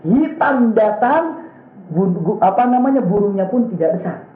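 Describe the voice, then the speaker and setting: A man delivers a storytelling sermon in a high voice, acting out each character and chuckling as he goes. The sound is thin and phone-like, with a lot of room echo around him. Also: moderate pace. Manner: animated, acts out characters with raised pitch, chuckles often. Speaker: preacher. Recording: echoey room on a tinny phone-like line.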